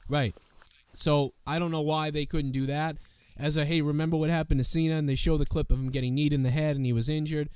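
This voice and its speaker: A male podcast host who's ill and losing his voice races through casual, profane show commentary with hardly any pauses, rambling and repeating "you know what I mean." His fairly high, darkish voice barely moves in pitch. The tone is clean, with no echo.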